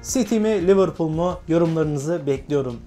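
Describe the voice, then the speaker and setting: A young man from Turkey giving lively, self-talking commentary while playing a football video game, urging on his players. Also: a little high, normal speed, faint music behind. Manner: animated, talks to himself and his players, frequent laughs. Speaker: gaming YouTuber. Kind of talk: excited gameplay commentary.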